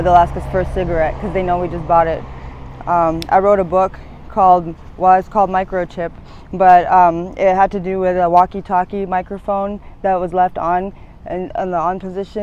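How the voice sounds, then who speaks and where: A woman's voice: lowish voice, warm tone, lo-fi sound, a little hiss or hum. A woman in her thirties interviewed on a city street, talking in long, hesitant, rambling stretches full of fillers. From United States, born in Latvia. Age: 30s.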